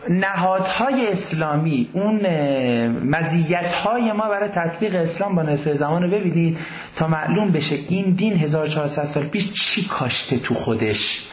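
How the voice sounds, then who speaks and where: A man giving a university lecture on religion in a classroom, lively, often posing questions to the class. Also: a little high, roomy sound, lo-fi sound.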